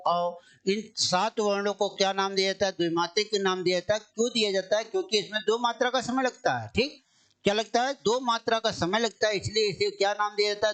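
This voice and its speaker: A male Hindi teacher giving an exam-coaching grammar lesson, asking questions and answering them himself, repeating key phrases and drawing words out slowly. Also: high-pitched, fairly bright tone, clear, resonant tone.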